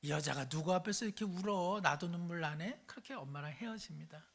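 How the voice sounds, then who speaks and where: A man's voice: a little high, quick pace, creaky. A man, a pastor, preaching a sermon in a church, telling stories and acting out the voices of the people in them. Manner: storytelling, acts out voices. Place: church sanctuary.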